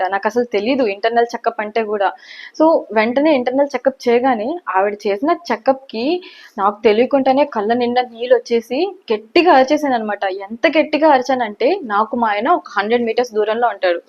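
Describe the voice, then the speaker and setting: A woman's voice: on the high side, a little fast. A young woman vlogger casually telling a personal story in a chatty, rambling way. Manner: chatty, rambling, repeats "anamaata" often. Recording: dull lo-fi sound.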